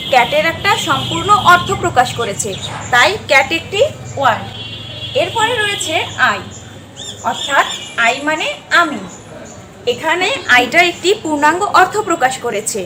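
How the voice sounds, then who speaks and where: Against a noisy background, a woman with a high voice teaches a structured online grammar lesson. She methodically defines each term before giving examples.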